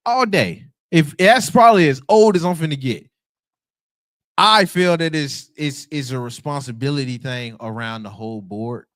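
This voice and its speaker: A man in his twenties giving casual, animated commentary on a livestream, slangy and quick to laugh. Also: mid-range voice, no echo, studio quality. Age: 20s. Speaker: livestream host.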